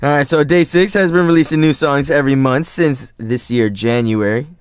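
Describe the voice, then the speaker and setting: A young man from the United States hosting a radio show in relaxed, casual chat. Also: medium pitch, moderate pace, smooth, no room sound, studio quality. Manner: relaxed, laid-back, says "man" a lot.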